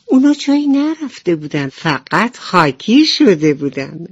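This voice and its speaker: A gentle, caring butterfly, as a woman puts her on. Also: fairly low pitch, lively intonation, creaky, no echo. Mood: amused. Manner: gentle, slow, sensible tone, a little raised. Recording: dull radio broadcast with soft music.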